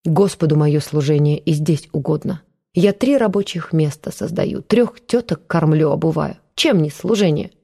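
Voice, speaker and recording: Shrewd old village aunt, blunt and mocking, low voice, read by a woman narrator. Audiobook. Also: moderate pace, vocal fry, dark tone, slightly rough, exaggerated voice. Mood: stubborn.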